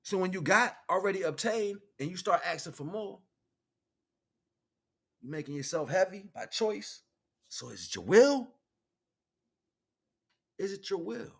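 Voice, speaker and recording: Hosting a livestream, an American spiritual teacher preaches off the cuff in a slangy, conversational style, repeating phrases for emphasis and acting out imagined exchanges. His high-sitting voice is gravelly, husky, and fairly bright, very animated yet measured in pace, with frequent pauses.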